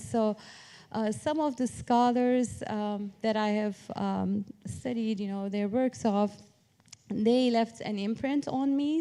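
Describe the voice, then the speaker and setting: Speaking on an academic panel, a public policy professor from Turkey describes her approach informally but with clear structure. Her voice is a little high, warm, clear and resonant.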